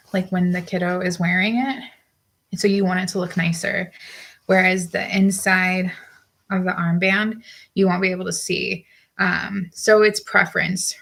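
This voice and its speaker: A young sewing vlogger chats casually while working on a sewing project, rambling, breathless, and full of fillers. Her voice is lowish and gravelly yet fairly bright, and the audio quality is poor.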